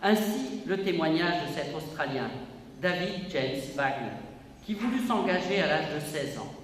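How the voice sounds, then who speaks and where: A man's voice: a little high, animated, a little slow. A man, president of a local history society, giving a formal inauguration speech with emphatic, declamatory delivery in an exhibition hall. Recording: echoey hall, voice from a distance, faint room noise.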